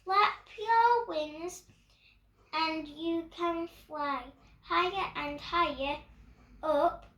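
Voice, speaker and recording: Reading a picture book in playful storytime fashion, a young British girl acts out the bird calls and actions. The female voice is extremely high and a bit bright, stretching out words, with a distant mic picking up roomy echo.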